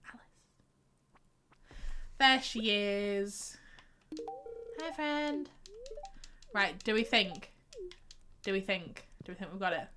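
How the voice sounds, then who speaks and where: A young woman with a light Yorkshire accent streams a game, chatting and sighing playfully in casual commentary. Her medium-pitched voice moves slowly with long pauses, and there's background noise.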